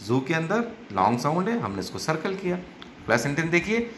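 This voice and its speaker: A man teaching young children, drawing words out slowly and coaxing them with questions. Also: fairly high pitch, big pitch swings, fairly bright tone, slight background noise. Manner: slow, drawn-out word-by-word enunciation, coaxing questions to children. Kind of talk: online class lesson for young children.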